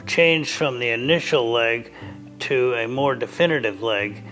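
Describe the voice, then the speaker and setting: A man who is a surgeon, recalling his work in an interview in a calm, measured, reflective way. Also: mid-range voice, soft background music, poor audio. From United States. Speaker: orthopedic surgeon. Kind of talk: interview recollection.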